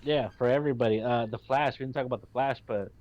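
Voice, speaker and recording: A man's voice: mid-range voice, fairly even intonation, fast talker, highs cut off. A man co-hosting a live stream, chatting casually and rambling with restarts and jokey impressions. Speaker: stream co-host. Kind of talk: casual chat.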